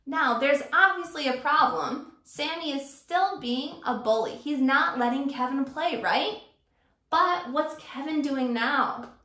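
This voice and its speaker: A woman teacher reading a picture book aloud to a class with expressive storytelling and stopping to ask her students questions. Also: sits high, slow pace. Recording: echoey room.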